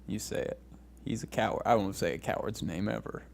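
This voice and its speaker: A man's voice: fairly low pitch, fairly quick, creaky, darkish tone. A young man co-hosting a comedy podcast in casual chat, rambling and giggling with lots of restarts. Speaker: podcast co-host.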